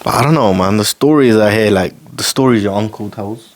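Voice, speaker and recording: A man hosting a casual podcast chat, telling stories with lots of slang and swinging between hushed and excited. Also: on the low side, fairly quick. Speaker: podcast host.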